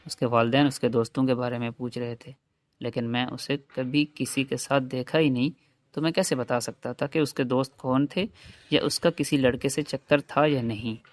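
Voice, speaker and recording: A man's voice: medium pitch, dry recording. A man reading a first-person love story aloud, with an earnest, emotional delivery.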